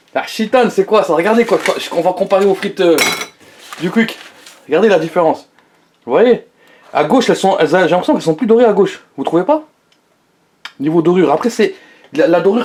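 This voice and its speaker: A young man chatting casually to his viewers in a fast-food review vlog, slangy and playful. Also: high voice, a little mellow, slight background noise.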